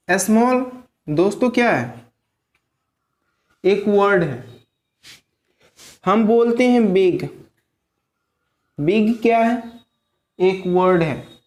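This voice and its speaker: Man drilling a grammar lesson. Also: sits high. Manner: drills points by asking and answering his own questions; addresses viewers as friends, repeats key words. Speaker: English teacher.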